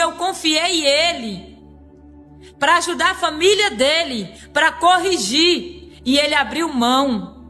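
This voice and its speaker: A woman voicing Jesus as a solemn, stern grown man, speaking in slow, grave pronouncements. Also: sits high, fairly bright tone. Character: solemn adult male Jesus, stern and calm.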